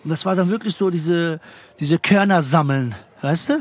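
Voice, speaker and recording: A man's voice: on the high side, moderate pace. A man from Frankfurt, a stand-up comedian, telling jokes and stories in a casual, slangy podcast chat. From Frankfurt, Germany. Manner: animated joking storyteller, slangy street talk.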